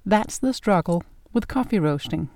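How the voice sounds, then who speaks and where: With a fairly low pitch, a middle-aged woman from Denmark narrates her podcast in English with a Danish accent, speaking as a non-native. Her scripted delivery is calm and measured, with music playing in the background.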